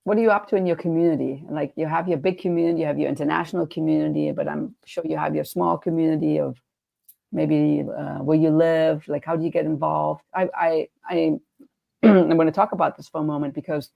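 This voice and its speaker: A woman's voice: deep voice, steady tone, a little fast, gravelly, muffled recording. A woman with a German accent hosting a casual interview, chatty and often restarting her sentences. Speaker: podcast host and coach.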